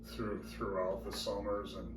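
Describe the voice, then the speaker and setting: An elderly American man reflecting in an interview, speaking haltingly and often repeating his words. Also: low voice, little pitch movement. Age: 70s or older. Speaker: interviewee, grandfather and war veteran. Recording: roomy, distant mic with clear noise.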